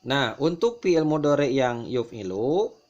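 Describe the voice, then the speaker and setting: A man's voice: mid-range voice, animated, a little slow, a little mellow. Patient male teacher, lo-fi sound. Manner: patient, repeats each step with "nah" and "ya". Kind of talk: classroom explanation over slides.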